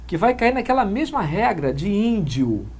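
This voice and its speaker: A man with a Brazilian Portuguese accent teaches grammar in an exam-prep lecture, speaking at a moderate pace in a high, very animated voice that is a little mellow and slightly rough. He explains each step in turn and often checks in with short tag questions.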